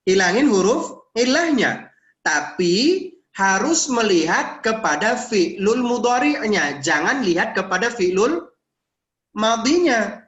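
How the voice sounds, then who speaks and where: An Indonesian man teaching Arabic grammar in an online university lecture, lively and teasing, drilling his students with questions. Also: high voice, slow. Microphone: video call. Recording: echoey room, dull lo-fi sound.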